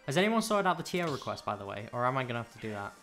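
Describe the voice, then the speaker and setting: A man's voice: mid-range voice, big pitch swings, very fast, a bit bright, faint music behind. A man, co-commentating casually, blunt and distracted, swearing often. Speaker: tournament organizer and co-commentator. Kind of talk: casual commentary and stream chat.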